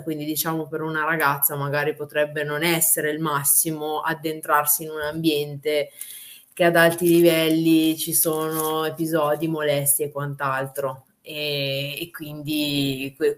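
Low-pitched, blunt woman. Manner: informal, blunt, slangy. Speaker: wrestler and guest. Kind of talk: candid conversational interview.

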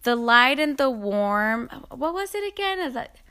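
A woman chatting in a relaxed way about a trip, with fillers. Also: sits high, measured pace, clean tone. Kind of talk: casual travel chat.

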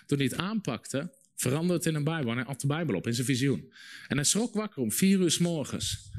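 A young man delivers a sermon with a somewhat high-pitched voice. He tells his story vividly and repeats key phrases to drive them home. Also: animated, brisk. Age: young adult. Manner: vivid storytelling, repetition for emphasis. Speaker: preacher.

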